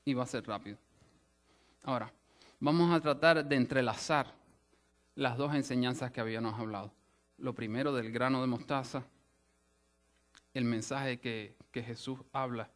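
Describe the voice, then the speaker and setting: A man's voice: mid-range voice, fairly even intonation, normal speed, pauses often. A male pastor teaching a sermon in an explanatory way, often restarting phrases and rephrasing with asides. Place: church sanctuary.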